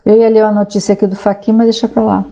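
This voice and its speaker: A woman's voice: mid-range voice, flat delivery, rapid-fire, warm tone, highs cut off. A woman sociologist talking casually to viewers, explaining ideas and reading aloud from a website, with frequent tag questions. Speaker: sociologist commentator.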